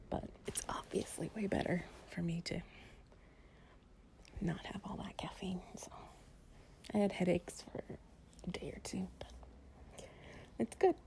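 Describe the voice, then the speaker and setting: In an improvised relaxation roleplay, a woman plays a loving companion and chats intimately to the listener in a playful, sleepy, confiding way. Her soft, breathy voice often drops to a whisper, with medium pitch, big pitch swings, a slow pace, and frequent pauses.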